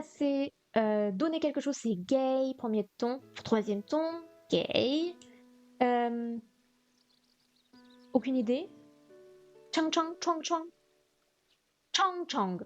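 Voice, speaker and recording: A woman revising vocabulary on a live stream, talking slowly in a fairly high voice. She thinks out loud and keeps correcting herself as she goes. Faint music plays under her voice. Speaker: streamer studying Chinese vocabulary. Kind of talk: live-stream study session.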